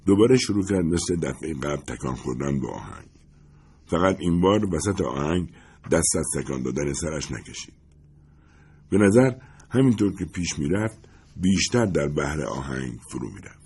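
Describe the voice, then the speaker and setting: Deep, husky male storyteller. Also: expressive, a little mellow. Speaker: narrator. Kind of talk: first-person audiobook narration.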